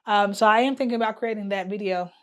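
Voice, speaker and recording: A woman's voice: medium pitch, fairly even intonation, fast. A woman vlogging casually as she plans her travel business marketing, thinking aloud with lots of fillers and restarts. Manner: hums to herself while working at the wall. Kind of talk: casual talking-to-camera planning vlog.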